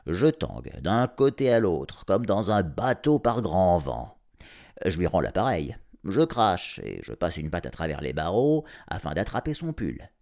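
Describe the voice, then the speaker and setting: A man reading an audiobook aloud, narrating as a grumpy cat in a sardonic, animated first-person voice. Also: sits low, unhurried. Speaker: storyteller.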